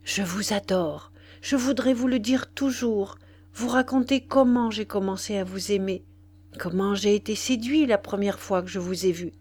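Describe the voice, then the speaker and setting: A woman's voice: medium pitch, normal speed, darkish tone, lightly acted. A woman voicing an ardent young man who pleads his love with passionate insistence, in an audiobook reading. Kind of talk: audiobook character voice.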